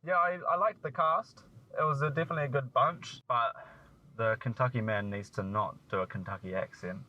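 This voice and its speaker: A man's voice: medium pitch, fairly even intonation, fairly quick, sharp tone, lo-fi sound, slight background noise. A man reviewing a film in casual podcast chat, blunt and joking, swearing and mocking. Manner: blunt, joking, swears, mocks with playful outbursts. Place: inside his car.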